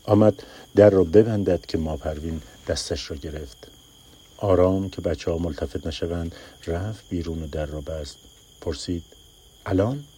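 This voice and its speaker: A man narrating a story in a calm, measured reading voice. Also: deep voice, slight background noise.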